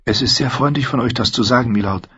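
A man voicing a frightened young noblewoman in an audiobook, speaking softly and pleading. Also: mid-range voice, fast, breathy edge, dull audio, pitched above the performer's own voice. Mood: subdued. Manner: soft, pleading. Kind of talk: audiobook character voice.

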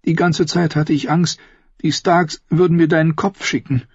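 A man voicing a scheming, pleading queen in a raised falsetto for an audiobook. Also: flat delivery, normal speed, breathy edge, no echo. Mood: insistent. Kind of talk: audiobook reading. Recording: dry, dull close recording.

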